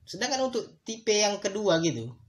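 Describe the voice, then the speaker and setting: A high-pitched, sing-song male voice carries this solo podcast at a normal speed. The host speaks directly to his audience, explaining his views carefully and instructively with a moralizing edge. For emphasis, he occasionally lengthens his words.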